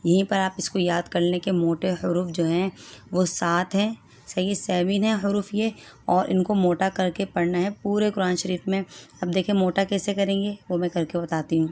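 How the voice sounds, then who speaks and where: A woman leads a Quran reading lesson, slowly sounding out each letter and repeating the sounds. Her voice stays level and even as she explains. She keeps pausing to check that her students follow along. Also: fairly low pitch. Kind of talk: step-by-step recitation lesson.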